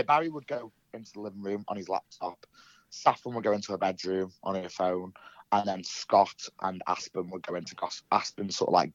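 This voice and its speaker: A young Englishman with a cold sounds nasal as he casually recounts his story in an interview, full of ums and restarts. His voice is low-pitched, and the recording is dry and lo-fi.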